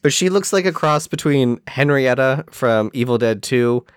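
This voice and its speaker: A man's voice: medium pitch, animated, normal speed, clear, resonant tone, no room sound. A man co-hosting a podcast, riffing jokily about a film and acting out lines. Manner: riffing, jokey, acts out lines. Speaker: podcast co-host. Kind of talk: casual film chat.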